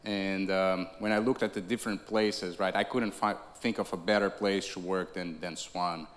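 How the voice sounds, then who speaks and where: A man's voice: low-pitched, steady tone, normal speed, a bit bright. A Brazilian man in his forties giving a conversational conference talk, often restarting and laughing lightly. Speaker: conference speaker. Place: theater stage. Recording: long reverb of a theater hall.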